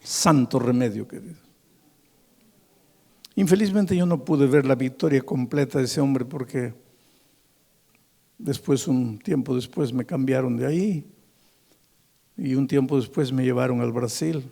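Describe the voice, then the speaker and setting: Gravelly pastor telling a story. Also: male voice, medium pitch, measured pace, long pauses. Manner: animated storyteller, acts out the people in his stories. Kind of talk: sermon storytelling.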